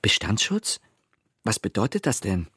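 A man's voice: lowish voice, wildly swooping pitch, measured pace, pushed and bright, slightly rough, no echo, studio quality, exaggerated voice. A man voicing a nervous young girl who stammers and hesitates. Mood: curious.

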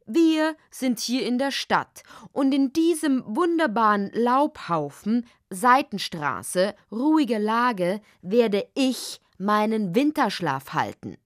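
A woman voicing a cheeky male hedgehog in a storybook, mocking and snappish with lively swings in pitch. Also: slow, no echo, clean studio sound. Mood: snippy.

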